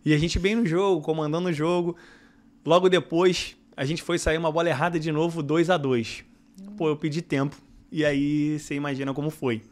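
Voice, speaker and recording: A middle-aged Brazilian man, a football director guest, telling anecdotes in casual podcast chat, his voice climbing when he gets excited. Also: on the high side, a little fast.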